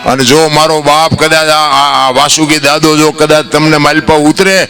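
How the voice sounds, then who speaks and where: A man with a Kathiawadi Gujarati accent giving an impassioned devotional folk storytelling talk to an audience. He preaches with feeling and keeps addressing his listeners warmly as elders. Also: level tone, normal speed, creaky, music in the background. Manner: impassioned preaching, swells into loud high outbursts, often calls listeners "bapu". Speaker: folk storyteller and literary speaker.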